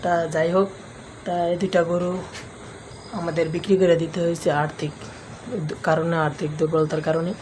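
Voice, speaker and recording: A man talks quietly to his phone camera in a cowshed at night, keeping his voice hushed for a casual vlog. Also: on the high side, level tone, fairly quick, pauses often. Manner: speaking softly and hushed. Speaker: village lifestyle vlogger. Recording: noisy background.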